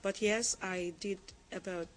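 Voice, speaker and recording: A woman from Cameroon in her forties, a guest on a TV interview who answers in a measured, reflective way and laughs easily. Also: medium pitch, fairly even intonation, low-quality recording.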